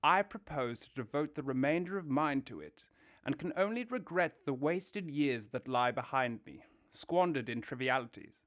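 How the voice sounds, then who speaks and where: A man voicing a boastful, excitable, wealthy male toad who exclaims grandly. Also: medium pitch, moderate pace, natural voice. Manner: bombastic, exclaiming.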